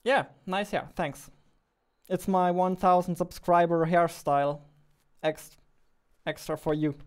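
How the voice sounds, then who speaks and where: A man's voice: high voice, fairly even intonation, slow. A young man with a German accent, chatting casually in a game development vlog. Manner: chatty, self-deprecating, laughs often.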